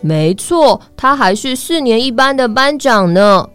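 Expressive woman reading a children's story. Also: a little high, measured pace, clear, resonant tone, no echo. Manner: expressive, sing-song storyteller. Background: faint music.

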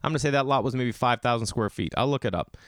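A man's voice: mid-range voice, fast talker, no echo, clean studio sound. A man hosting a solo podcast in a casual, opinionated rant, blunt and emphatic, with bro-style slang and swearing. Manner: rhetorical questions answered by himself. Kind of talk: casual ranting monologue. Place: garage.

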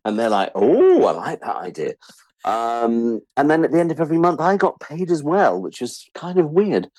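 With a fairly high, slightly mellow, sing-song voice at a moderate pace and no echo, a British man in his 60s tells anecdotes in an interview. This writer-producer guest is chatty and self-deprecating, animatedly performing bits of dialogue.

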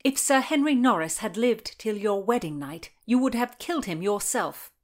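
A woman's voice: fairly high pitch, expressive, normal speed, voice pushed up, lightly acted. A woman reading as a defiant Tudor noblewoman. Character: loyal, sharp-tongued Tudor noblewoman, fierce friend. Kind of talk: audiobook reading.

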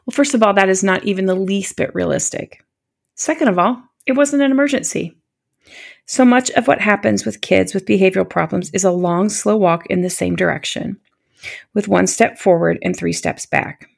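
Gravelly-voiced woman in her fifties hosting. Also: mid-range voice, normal speed. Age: 50s. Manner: gentle, encouraging, confiding. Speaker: podcast host. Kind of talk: warm solo podcast talk.

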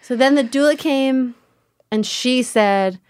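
A woman telling a personal story as a podcast guest, candid and animated, acting out what others said. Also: high-pitched, takes it slowly, clean tone, dry recording, studio quality. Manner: candid, animated retelling with quoted voices.

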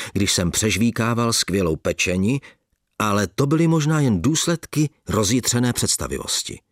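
A man with a low voice reads a story aloud in an expressive, lively storytelling manner. His delivery rises and falls a lot, recorded dry and close with no room echo. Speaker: audiobook narrator. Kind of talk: audiobook reading.

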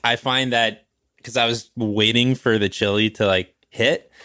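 A man's voice: medium pitch, fairly even intonation, unhurried, sharp tone, clean tone, no room sound, studio quality. A man co-hosting a casual podcast from home over a remote call, telling stories and cracking jokes about beer. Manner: chatty storyteller, jokes around. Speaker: podcast co-host. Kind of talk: casual chat.

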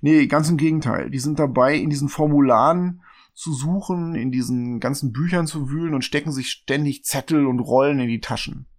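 A man narrating a tabletop game as game master, relaxed and wry. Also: mid-range voice, fairly quick.

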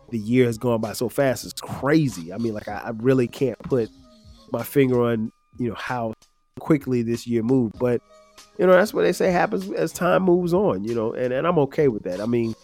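Faint music hums under this solo podcast reflection from a host in his fifties. His mid-pitched voice sounds slightly congested and nasal, and he meanders along loosely, often restarting and leaning on fillers.

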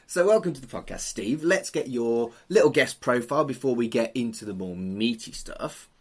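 A man's voice: medium pitch, animated, normal speed, husky. A middle-aged man, hosting a podcast in an informal, teasing, chatty way. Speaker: podcast host, funeral celebrant.

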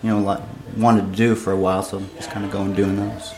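A middle-aged man with a lowish voice gives casual interview answers. He is understated and often pauses mid-thought. The recording sounds echoey. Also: flat delivery, a little mellow. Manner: hesitant, halting, understated. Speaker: amateur triathlete being interviewed.

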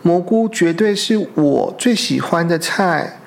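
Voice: medium pitch, animated, slow pace, creaky. A storyteller voicing a small, hungry male weasel who argues indignantly over food in a children's storybook. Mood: pleading.

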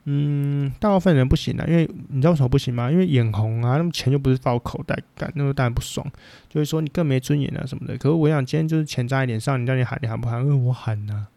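A man's voice: mid-range voice, rapid-fire, gravelly, mellow, no room sound. A man with a Taiwanese Mandarin accent talking as a podcast host, rambling bluntly through a casual opinion chat and swearing freely.

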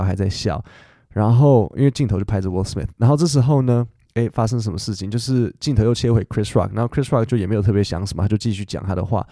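A man's voice: fairly low pitch, warm tone, no echo, clean studio sound. A man, an English teacher explaining things in a chatty podcast style, full of fillers and English asides.

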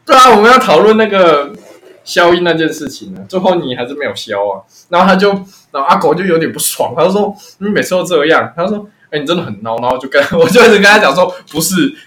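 A man's voice: high-pitched, animated, fast talker, fairly bright tone. A young man with a Taiwanese Mandarin accent co-hosting a casual podcast, teasing, telling stories and laughing often. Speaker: podcast co-host. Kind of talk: casual chat.

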